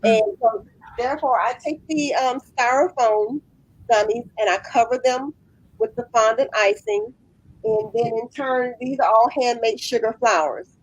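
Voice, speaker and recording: A woman's voice: a little high, measured pace, husky, rough recording. A woman in her late fifties, a guest business owner, earnestly explaining her craft step by step in a casual interview. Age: 50s.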